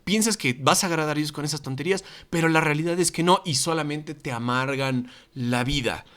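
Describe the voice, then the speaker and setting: A man's voice: a little high, fairly quick. A man with a Mexican accent teaching a Bible study class to a congregation in church, speaking into a microphone and acting out quoted voices. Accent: Mexican Spanish. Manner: animated, acts out quoted voices. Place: church meeting room.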